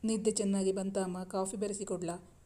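A woman reading the lines of a kind, caring mother-in-law in a storybook romance, in a gentle, motherly way. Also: mid-range voice, little pitch movement, a little fast, natural voice.

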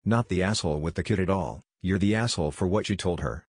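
Deep, husky male narrator reading steadily. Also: quick pace, dry recording, studio quality. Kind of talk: scripted narration.

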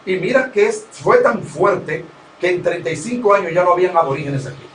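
Male announcer guest, lecturing tone, slightly high voice, distant echoey mic. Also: expressive, brisk. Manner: didactic, lists points and gives advice. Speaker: professional radio announcer, interview guest. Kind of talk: conversational interview. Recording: roomy, distant mic with faint noise.

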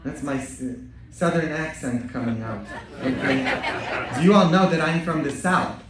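Priest in an echoey church. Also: male voice, on the high side, normal speed, distant mic, over a noisy crowd, very noisy. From Poland. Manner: joking, bantering with the congregation, rising to loud exhortation. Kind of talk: Easter homily and parish announcements. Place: large church.

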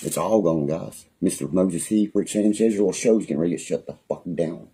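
A man's voice: low-pitched, fairly quick, mellow, husky. A young man with a West Virginian accent, ranting angrily and threatening, swearing constantly on a phone live stream at home. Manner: angry, rambling, threatening, heavy swearing. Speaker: livestreamer. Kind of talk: profane live-stream rant. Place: small room at home, indoors.

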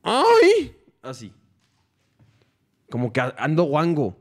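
A young man with a Mexican accent, streaming casually, full of slang and swearing, with frequent laughs and viewer stories read aloud. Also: moderate pace. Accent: Mexican Spanish. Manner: slangy, swears freely, laughs often, reads stories in a lower flat voice. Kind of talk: casual livestream chat, reading viewer stories.

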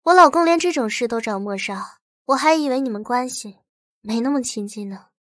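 An actress playing a patient young wife who coaxes and gently scolds her husband. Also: a little high, fairly quick, dry recording, studio quality, close to an everyday voice. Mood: coaxing. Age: young adult. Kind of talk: short romantic drama acting.

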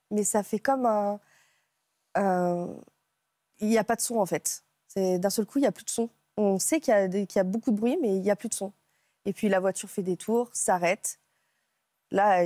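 As a guest on a TV talk show set, a woman recounts a personal ordeal in a mellow, warm, mid-range voice. She speaks haltingly and emotionally, breaking off and restarting as she searches for words. The recording is dry and close on a lapel mic, with no room sound.

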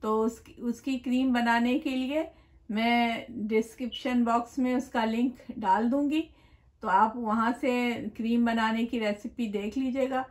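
A woman hosting her own cooking channel, explaining a recipe step by step in a gentle, chatty way, with blessings and greetings to her viewers. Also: on the high side, steady tone, a little slow. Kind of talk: home cooking tutorial voice-over. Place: home kitchen.

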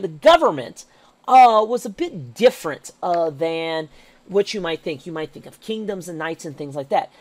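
A woman's voice: medium pitch, no echo. A woman teacher giving a recorded history lecture over slides, emphatic and checking in with "okay?" as she goes.

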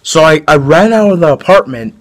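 A man playing a male killer who confesses a brutal fight in a halting, rambling way, in an amateur home-video drama. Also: on the high side, expressive, close to an everyday voice. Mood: flat confessing. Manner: halting, rambling storytelling with restarts.

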